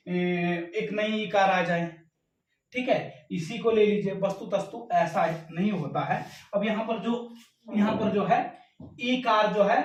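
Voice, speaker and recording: A man with a high voice explains grammar step by step. He poses questions and answers them, and slows down to recite rules syllable by syllable. He sits some way off the mic in an echoey room. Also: far from the mic. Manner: asks and answers his own questions. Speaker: Sanskrit grammar teacher.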